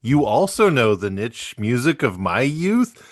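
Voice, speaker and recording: A man co-hosting a podcast reflects in casual chat, in quick rambling bursts. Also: medium pitch, very animated, no room sound, studio quality. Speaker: podcast co-host.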